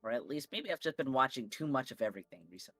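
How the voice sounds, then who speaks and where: A man's voice: medium pitch, animated, very fast, a bit bright, dry recording, soft background music. A man casting a live video game match, rambling and playful with lots of fillers. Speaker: esports caster. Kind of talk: casual live game commentary.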